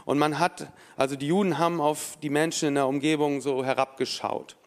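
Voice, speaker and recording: A man's voice: a little high, fairly even intonation, a little fast, long reverb tail. A man preaching a sermon from a church stage, talking casually with many fillers and restarts and reading a scripture passage aloud. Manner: conversational, with frequent fillers and restarts.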